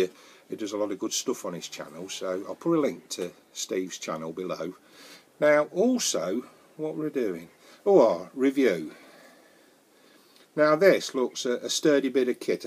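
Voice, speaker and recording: A faint hiss or hum sits under this fairly low male voice. It belongs to a home brewing vlogger in his sixties with a Northern English accent, rambling jokily with fillers and mild swearing while reviewing a product on a close-up action camera in his wooden shed.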